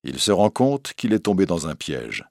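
Expressive male storyteller, low voice. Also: moderate pace, creaky, slight background noise. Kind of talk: storybook reading.

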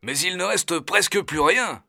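A man's voice: high-pitched, lively intonation, measured pace, vocal fry, bright, forceful tone, no room sound, clean studio sound, pitched above the performer's own voice, exaggerated voice. A man voicing a bold male hunter in a storybook reading, sounding anxious. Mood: alarmed.

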